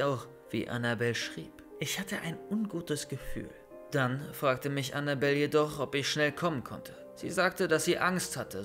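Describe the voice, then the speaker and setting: Man narrating a creepy story calmly. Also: medium pitch. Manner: calm storytelling, loud shouted calls in scenes. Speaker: narrator of horror stories. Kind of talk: scripted first-person horror narration.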